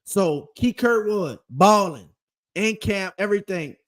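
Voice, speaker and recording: A man co-hosting a casual sports podcast, talking in an animated, emphatic way and repeating his points. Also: sits high, a little slow. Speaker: podcast co-host.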